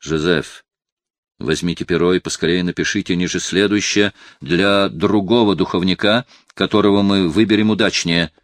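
An audiobook reader gives a natural, low-pitched voice to an imperious, proud cardinal in his 50s who is quick to anger. The studio-quality, echo-free recording has a steady tone at normal speed, the character sounds fretful, and he flares into loud, indignant outbursts.

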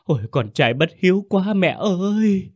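A man voicing a scheming middle-aged son who wails loudly and theatrically, faking grief while telling a story. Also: high-pitched, expressive, moderate pace, dry recording, clean studio sound, voice pushed up. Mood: fake grief. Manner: loud, theatrical wailing.

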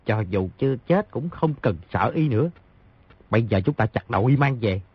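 A man's voice: medium pitch, expressive, normal speed, slightly rough, dry recording. A man voicing a cocky, greedy smuggler thug in an audiobook, with a sneering way of talking. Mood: gloating. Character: two male salt-smuggler thugs, greedy, cocky. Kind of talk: audiobook character voice. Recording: dry, slightly dull lo-fi audio.

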